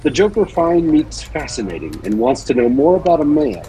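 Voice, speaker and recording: A man co-hosting a podcast, talking in a relaxed conversational storytelling register. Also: on the high side, normal speed, low-quality recording. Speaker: podcast co-host. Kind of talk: casual chat and dramatic story reading.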